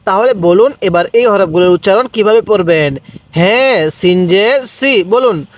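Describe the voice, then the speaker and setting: A Bangladeshi Bengali-accented man teaching Quran reading, spelling letters out and then stretching each word slowly for students to repeat. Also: sits high. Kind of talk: step-by-step reading lesson.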